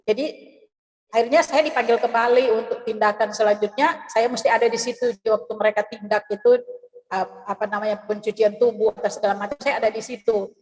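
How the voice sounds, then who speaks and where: Woman, middle-aged, giving a personal church testimony, fairly high voice, lively retelling, long reverb. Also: brisk. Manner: lively storytelling, acts out the voices of the people in her story. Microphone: video call.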